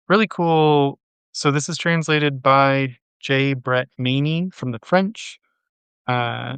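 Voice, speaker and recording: A man hosting a poetry channel, reading poems slowly and measuredly, then talking them through in a halting, thinking-aloud way full of fillers. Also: medium pitch, a bit bright, clean tone, no echo. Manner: measured, unhurried poem reading. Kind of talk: poetry reading and casual discussion.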